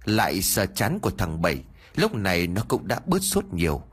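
Male audiobook narrator for a ghost story, low husky voice, lively expressive delivery. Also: moderate pace.

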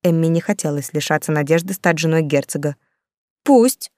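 A woman narrating a novel in measured audiobook style. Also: low voice, fairly even intonation, a little mellow, dry recording, studio quality.

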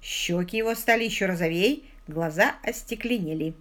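A woman's voice: on the low side, moderate pace. A woman reading a novel aloud as narrator, telling it expressively. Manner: expressive storytelling. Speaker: audiobook narrator. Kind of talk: audiobook reading.

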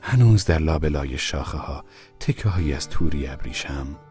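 A man narrating an audiobook in an expressive storytelling voice that sometimes drops to a whisper. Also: a bass voice, soft background music. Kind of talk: scripted narration.

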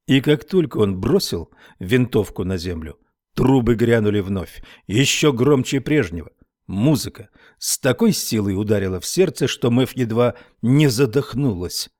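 A man narrating an audiobook in a steady, even storytelling manner. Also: medium pitch, normal speed, dry recording, clean studio sound.

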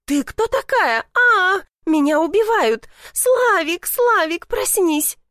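A sugary, coaxing young blonde temptress, as a woman reader puts her on, her voice pitched up high and bright. She coos sweetly and turns shrill in an audiobook scene, recorded close and dry with no room sound. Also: lively intonation, moderate pace, no echo, natural voice. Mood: shrieking. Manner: sugary coaxing, shrieks when scared. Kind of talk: audiobook character voice.

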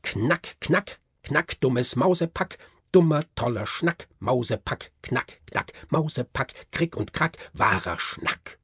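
A man voicing a brave little wooden nutcracker prince who shouts commanding battle cries. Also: medium pitch, very animated, slow, hardly any pauses, breathy edge, no room sound, clean studio sound, full character voice. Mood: fierce.

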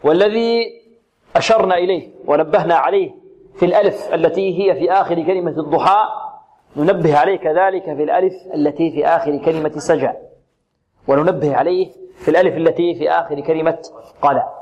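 A man teaching Quranic recitation on a radio lesson, drilling sounds slowly and answering his own questions. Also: fairly high pitch, a little mellow, muffled recording.

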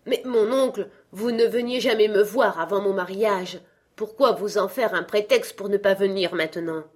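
A woman voicing a cheerful, warm-hearted young man who pleads earnestly, in an audiobook reading. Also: mid-range voice, normal speed, natural voice. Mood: pleading.

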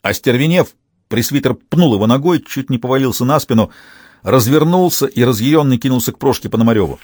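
A man reading an audiobook with steady storytelling narration. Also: medium pitch, fairly quick, dry recording, clean studio sound.

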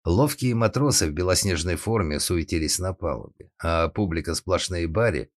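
A man narrating a comic story in a deadpan, ironic storytelling manner. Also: sits low, moderate pace, dry recording, clean studio sound.

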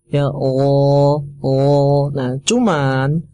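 A man's voice: mid-range voice, fairly even intonation, very slow, mellow. A man teaching Quran pronunciation on a radio call-in, patiently repeating phrases and sounding out letters.

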